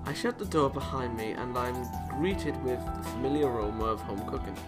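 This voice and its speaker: This let's play host has a medium-pitched, brisk voice as he reads through a visual novel with the game's music playing behind him. Every so often he stops to toss in casual jokes and teasing comments on the plot.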